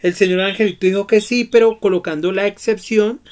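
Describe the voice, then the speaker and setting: A man's voice: high-pitched, fairly even intonation, fairly quick, background noise. A man teaching a Bible study lesson who keeps asking his students questions and prompting their answers.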